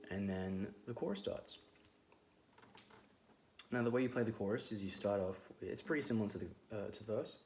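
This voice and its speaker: A man with a hoarse voice giving a relaxed guitar lesson, rambling with many fillers as he explains the chords. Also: fairly low pitch, a little fast, long pauses. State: losing his voice. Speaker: guitar teacher. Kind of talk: casual guitar tutorial. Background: his own loud acoustic guitar playing.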